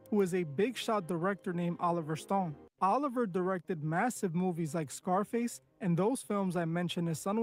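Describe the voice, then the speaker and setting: Male narrator, high voice, scripted and dramatic, faint background music. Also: darkish tone. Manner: dramatic, teasing build-up. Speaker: commentary channel narrator.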